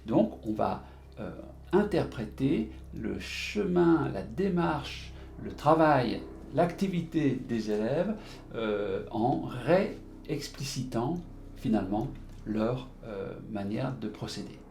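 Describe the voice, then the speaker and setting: A man's voice: mid-range voice, expressive, takes it slowly, creaky, a little mellow, roomy sound, slight background noise. A man presenting a video lesson on teaching writing to young pupils, hesitant, with many fillers, spelling words out letter by letter. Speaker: teacher trainer presenting a reading method.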